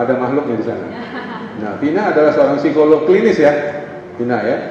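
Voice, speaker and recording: A man's voice: a little high, slight background noise. A middle-aged man from North Sumatra, a pastor and family counselor giving a conversational, anecdotal seminar talk to an audience. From North Sumatra (Batak). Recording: echoey hall, distant dull mic.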